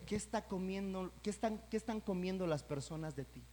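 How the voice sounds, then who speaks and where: A pastor preaching a sermon, talking conversationally and then building to loud, emphatic peaks. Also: male voice, high voice, a little fast, a little hiss or hum. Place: church sanctuary. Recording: church hall with long reverb.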